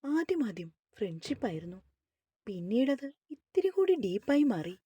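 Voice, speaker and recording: Woman storyteller reading a romance novel aloud, mellow and husky, dry close sound. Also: a little high, moderate pace, no room sound. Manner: steady, expressive reading. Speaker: storyteller and author.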